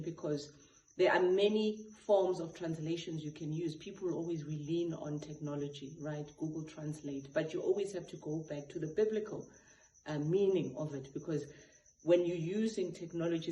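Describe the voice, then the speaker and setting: A man's voice: on the high side, warm tone. A South African gospel artist, a man, talking earnestly with many restarts and asides. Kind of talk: reflective talk to camera. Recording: echoey room with faint noise.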